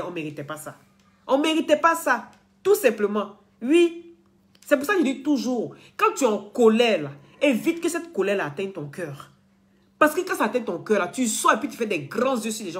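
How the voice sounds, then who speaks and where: A woman blogger talking straight to her followers in an earnest, lecturing way, repeating herself and restarting often. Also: a little high. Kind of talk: casual direct-to-camera talk.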